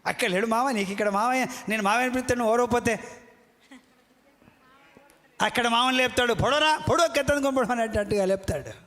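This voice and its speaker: A man's voice: extremely high pitch, fairly even intonation, brisk, pauses often, fairly bright tone. Man, pastor, scolding sermon, calls out to the congregation, echoey hall. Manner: fiery, scolding, questions the congregation. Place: church hall.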